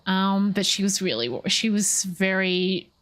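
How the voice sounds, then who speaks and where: A woman's voice: medium pitch, fairly even intonation, a little slow, fairly bright tone. A young woman chatting casually while streaming a game, rambling and breaking off mid-thought. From Australia. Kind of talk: casual chat while gaming live.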